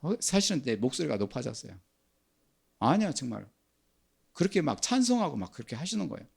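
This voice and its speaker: A man's voice: mid-range voice, very animated, brisk, gravelly, slightly rough. An older man preaching a sermon as pastor, asking and answering his own questions.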